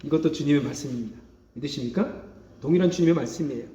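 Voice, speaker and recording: A man's voice: fairly high pitch, rapid-fire, warm tone, slight background noise. A male pastor preaching a sermon, stressing key phrases by saying them twice and calling out hallelujah. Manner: emphatic preaching, repeats key phrases, calls out hallelujah for responses. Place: church sanctuary. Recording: echoey hall, dull lo-fi sound.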